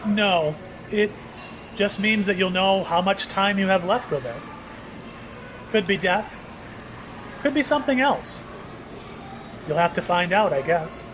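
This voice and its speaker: In an audio drama, a mysterious shopkeeper speaks in a high, very lively male voice, voiced by an actor. He is polite and apologetic, hesitating over his cryptic remarks at a measured pace with long pauses. The mood feels regretful and ominous, and background noise is clearly audible.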